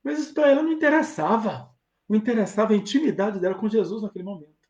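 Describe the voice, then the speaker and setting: Fervent Brazilian pastor, echoey lo-fi sound. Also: male voice, high voice, fast talker, a little mellow. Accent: Brazilian Portuguese. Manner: fervent, emphatic, rhetorical questions. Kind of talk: sermon. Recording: roomy, dull lo-fi sound.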